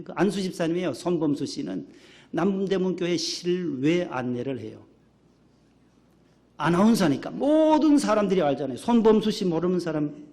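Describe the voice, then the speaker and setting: Man, middle-aged pastor, sermon in a church, gravelly fry, slightly high voice, lively, quizzes the congregation. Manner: lively, asks the congregation questions and acts out greetings. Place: church sanctuary.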